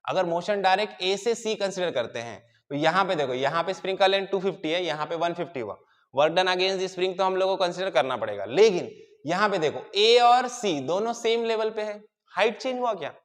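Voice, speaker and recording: A man's voice: sits high, animated, moderate pace, in a large hall. A man lecturing on engineering mechanics, explaining each step and checking in with his students. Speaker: engineering teacher. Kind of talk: whiteboard lecture.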